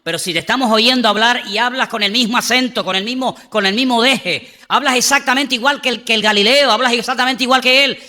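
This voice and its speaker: A man voicing a young servant girl who loudly and insistently accuses someone, as a character in a sermon story. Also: very high-pitched, fast talker, hardly any pauses, voice pushed up, full character voice. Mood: accusing. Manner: loud, pointed accusing tone.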